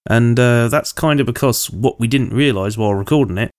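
A man's voice: mid-range voice, brisk, darkish tone, no echo, studio quality. A man hosting a podcast, giving a casual, informal introduction in an apologetic way. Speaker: podcast host. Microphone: close studio USB microphone.

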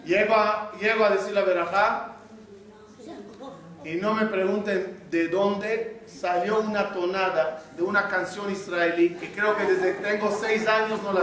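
A man, a rabbi, telling a story in a sermon, acting out the dialogue with lively energy. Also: high voice. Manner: animated storytelling, acts out dialogue. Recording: echoey room from a distant mic, faint noise.

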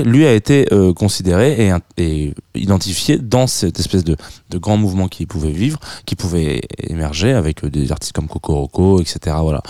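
A man's voice: sits low, warm tone, no room sound, studio quality. A man in his thirties hosting a radio show, chatting casually with lots of hesitant fillers, restarts and self-mocking asides. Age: 30s. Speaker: radio host. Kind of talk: casual radio chat introducing a track.

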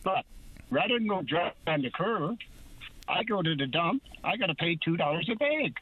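A man's voice: on the high side, big pitch swings, normal speed, fairly bright tone, breathy edge. A male caller on a call-in radio show, heard over the phone, talking in a plain-spoken, rambling way. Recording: narrow phone line.

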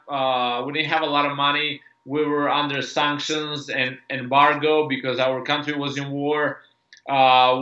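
A man in his thirties speaks with a Serbian accent, a fighter talking earnestly about his approach. His tone is bright and forceful, and he restarts often and fills gaps. The sound is roomy and somewhat dull. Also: on the high side. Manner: hesitant, many restarts and fillers, earnest. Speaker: MMA fighter. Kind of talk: interview answers.

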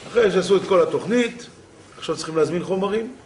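A man's voice: sits high, a little hiss or hum. A man, a rabbi, telling a story in a sermon and acting out the characters' lines. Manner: animated storyteller who acts out the characters.

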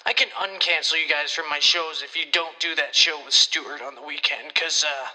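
A man plays a self-important small-town comedy promoter, leaving a rambling, hesitant, pompous voicemail-style message laced with smug, veiled petty threats. His voice is a little high, bright and forceful, with fairly even intonation at normal speed, heard over a phone call with faint music.

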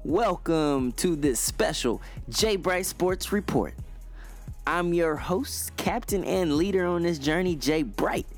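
A man hosting a sports show, delivering commentary in a booming, hyped-up motivational style. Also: expressive, slow. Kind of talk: sports commentary monologue over music. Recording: music playing behind the voice. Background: music bed.

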